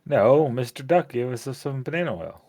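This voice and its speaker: A tabletop game player chatting casually over a call through a deep pitch-shifting voice changer that makes the voice gravelly and husky. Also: expressive, moderate pace, darkish tone.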